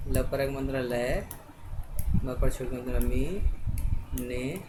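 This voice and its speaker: A man teaching a spelling lesson, spelling words out letter by letter and often pausing to check that the viewer is following. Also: mid-range voice, completely flat delivery. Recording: noisy background hiss.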